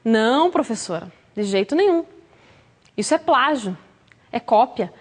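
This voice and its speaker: A woman's voice: on the high side, lively intonation, measured pace. A woman playing a doubtful student who protests to the teacher, in an incredulous, protesting tone. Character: doubtful, confused student objecting in class. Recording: long hall reverb.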